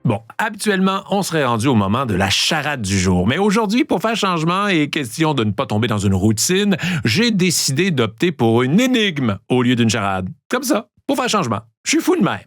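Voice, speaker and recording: A man's voice: on the high side, sing-song, fairly quick, no echo, clean studio sound. A man with a Québécois accent hosting a playful road-trip quiz, trained in theatre diction, full of joking asides. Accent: Québécois French. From Quebec. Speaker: host.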